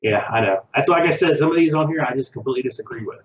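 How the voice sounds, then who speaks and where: A man's voice: medium pitch, expressive, racing, roomy sound, highs cut off. A man co-hosting a casual podcast chat, rambling and hesitant as he goes down a list. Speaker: podcast co-host.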